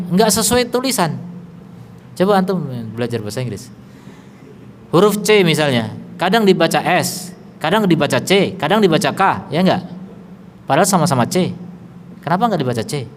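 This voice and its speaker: A man's voice: on the high side, very animated, normal speed, pauses often. A man giving a religious study lecture in a conversational way, full of rhetorical questions and teasing asides. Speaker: Islamic teacher. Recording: long echo in a hall, faint background hiss.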